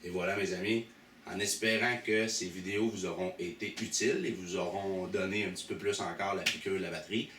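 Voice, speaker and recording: A man's voice: low voice, fairly even intonation, brisk, very noisy. A man with a Québécois French accent teaching drums, patiently counting aloud and naming each stroke. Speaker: drum teacher. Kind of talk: drum lesson with demonstrations. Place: drum school studio. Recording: echoey room, mic far off, loud drum hits.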